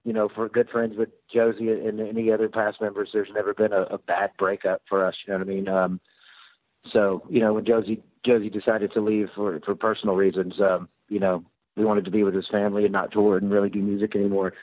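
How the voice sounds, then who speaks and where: Over a thin, band-limited phone line, an American man talks in a fairly low voice. He is an interview guest, chatting in a laid-back, informal and slightly halting way. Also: flat delivery, dry recording. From United States. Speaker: interview guest, rock drummer. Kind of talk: casual chat.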